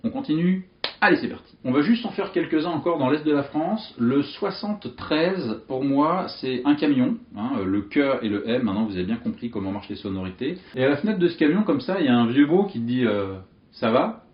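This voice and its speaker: A man explaining memory tricks with lively, playful energy and vivid mental images. His voice sits in a middle register. The sound is slightly dull and roomy. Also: medium pitch, brisk. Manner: lively, animated, jokey storytelling with vivid images. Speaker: memory coach. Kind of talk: explanatory teaching monologue.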